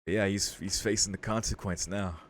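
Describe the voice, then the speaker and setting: Reading a visual novel's lines with dramatic flair, a male streamer breaks in with laid-back, slangy commentary during his playthrough. The voice is lowish with fairly even intonation and a slightly fast delivery. There's no room sound, just game music underneath.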